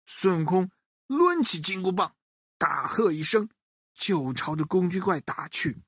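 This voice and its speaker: A man's voice: sits high, sing-song, unhurried, fairly bright tone, husky, dry recording, studio quality. A man narrating a children's story, talking straight to young listeners and quizzing them at the end.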